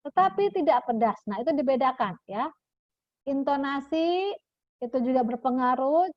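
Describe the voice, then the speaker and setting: A woman's voice: high-pitched, no room sound, muffled recording. Patient woman teacher explaining to pupils. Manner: patient, explanatory, calls pupils "anak ibu", ends phrases with "ya". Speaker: primary school teacher. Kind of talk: recorded online lesson.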